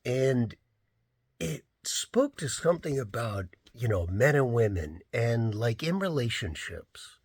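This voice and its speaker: Unhurried man with a husky, lowish voice, rambling storyteller for a vlog. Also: big pitch swings, darkish tone, no room sound, clean studio sound. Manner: rambling, fills with "like" and "you know". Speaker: rideshare driver.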